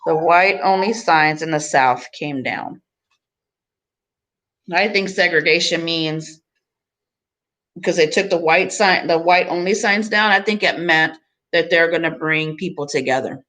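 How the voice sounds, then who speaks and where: A woman teacher with a low-pitched, fairly bright voice reads a picture book aloud to students. She phrases it deliberately in short pieces and includes teaching asides.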